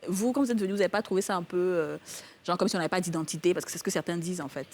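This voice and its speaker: A woman hosting a talk show, chatting with her guests in a lively, familiar way. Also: lowish voice, racing. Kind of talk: casual talk-show chat.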